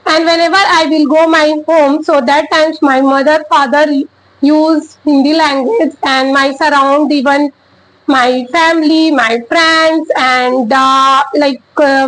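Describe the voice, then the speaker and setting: The audio is low quality, with a little hiss or hum, as a woman with a high, slightly bright voice chats to camera about learning English. She has an Indian accent, her first language is Chhattisgarhi, and she speaks haltingly in simple, encouraging sentences, hunting for words.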